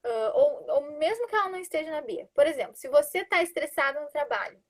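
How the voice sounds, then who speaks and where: A woman with a Brazilian Portuguese accent, explaining positive discipline on a live video call in a calm, instructive way. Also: high voice, fast talker. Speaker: guest parenting educator.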